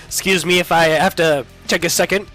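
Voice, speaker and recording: A man's voice: sits high, steady tone, fairly quick, a bit bright, soft background music. A man casting a college esports final, upbeat and hyping up each player, a little under the weather. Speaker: play-by-play caster. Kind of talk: esports commentary.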